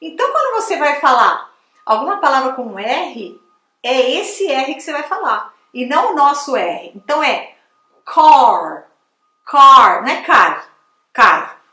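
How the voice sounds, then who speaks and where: A woman's voice: high voice, sing-song, moderate pace, bright, forceful tone, echoey room. A woman from Brazil teaching English pronunciation in a chatty video lesson, exaggerating the sounds to demonstrate them.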